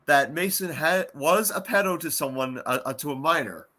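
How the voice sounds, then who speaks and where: Stammering man with a bright voice. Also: a little high, animated, moderate pace. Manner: stammering, repeats words, rambling. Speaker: fan voice actor, co-host. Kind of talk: casual chat.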